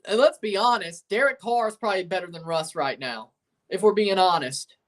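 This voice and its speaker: Reading team lineups and chat messages aloud, this young watchalong streamer gives opinionated takes on the live sports. He sounds high-pitched and a bit bright, talking a little fast.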